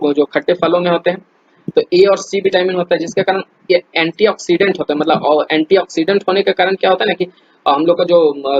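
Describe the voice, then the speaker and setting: A man's voice: sits high, dry recording, lo-fi sound. A man teaching a general science quiz lesson in a chatty, informal way, with many fillers and restarts and calling his viewers friends. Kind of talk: casual explainer lesson.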